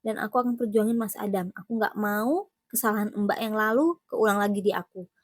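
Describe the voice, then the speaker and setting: A woman voicing a fiercely loyal younger sister in an animated drama. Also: medium pitch, brisk, no room sound, pitched below the performer's own voice, lightly acted. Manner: insistent, pleading.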